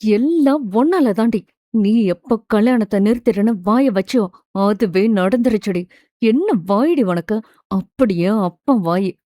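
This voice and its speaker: A woman reads as a furious mother who lashes out at her daughter. Her tone is mellow and the recording dry and close. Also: mid-range voice, expressive, unhurried, no room sound, lightly acted. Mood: angry. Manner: harsh scolding. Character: angry mother, sharp-tongued woman.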